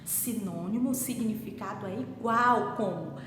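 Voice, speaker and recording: A woman teaching a children's grammar lesson, speaking slowly and deliberately, repeating points and asking the class to repeat after her. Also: medium pitch, fairly bright tone, a little hiss or hum. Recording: echoey room with long reverb.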